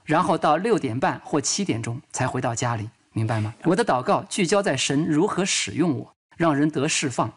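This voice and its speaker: A man's voice: mid-range voice, slightly rough. A man voicing a dubbed sermon as a preacher, telling his own testimony earnestly and reading scripture aloud.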